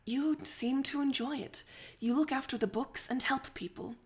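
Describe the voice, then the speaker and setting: Woman reading a poised young woman, formal measured phrasing, voice a bit high. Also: lightly acted. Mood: composed. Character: composed, dry young woman friend.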